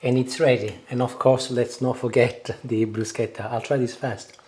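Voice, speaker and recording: Guy doing a chatty cooking demo, mid pitch, some background noise and dishes clinking. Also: steady tone, moderate pace, darkish tone. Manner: chatty, savouring the food aloud. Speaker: cooking show host. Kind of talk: casual cooking demonstration. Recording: clear background noise, kitchen clatter.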